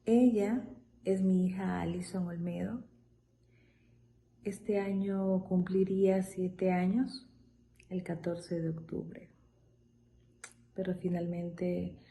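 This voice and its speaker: A woman in her thirties from Ecuador, giving a quiet, often whispery personal testimony as a mother. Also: lowish voice, a little hiss or hum, rough recording. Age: 30s. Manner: slow, soft, often breathy whisper.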